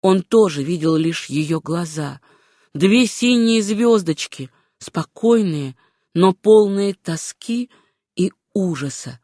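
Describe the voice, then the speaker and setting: Woman narrating a novel in a measured, unhurried way. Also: on the low side, animated, mellow, no echo, studio quality. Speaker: audiobook narrator.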